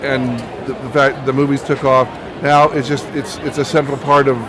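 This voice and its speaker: Amid the traffic-like din of a noisy, outdoor-sounding recording at a busy comic convention, a TV writer and producer answers interview questions. He's a middle-aged or older man with a mid-range voice, level tone, and normal speed, sharing casual stories and frequently starting his phrases over.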